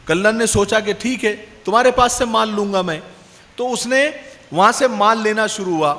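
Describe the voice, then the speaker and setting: A male preacher tells a moral story from the pulpit, pausing to quiz his listeners. His voice is high and rings out with a long hall reverb. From Pune, India. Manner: lively storytelling, quizzing the audience. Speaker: Islamic preacher. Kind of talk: storytelling sermon.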